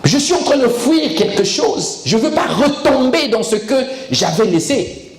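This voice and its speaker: A man pastor preaching a sermon, emphatic and animated and calling for amens. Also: very high-pitched, normal speed, roomy sound, slight background noise, poor audio.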